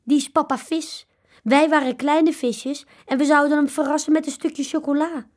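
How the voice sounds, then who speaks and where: A woman voicing a lively, playful little girl who leads the games in a children's story. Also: high voice, normal speed, voice pushed up, close to an everyday voice. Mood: eager.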